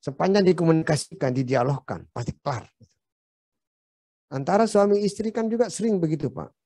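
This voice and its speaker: Gravelly-voiced man giving a joking seminar talk. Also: on the high side, animated, brisk, dark tone, no room sound, studio quality. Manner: joking, chatty, often turns to the audience as "Pak". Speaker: seminar speaker. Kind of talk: seminar lecture. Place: hotel seminar room.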